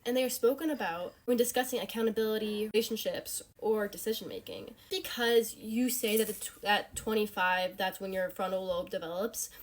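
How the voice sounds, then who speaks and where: A woman's voice: medium pitch, brisk, hardly any pauses. A woman in her late teens, a young wife and mother, giving blunt, emphatic opinions straight to camera. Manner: emphatic, blunt, rising to forceful points.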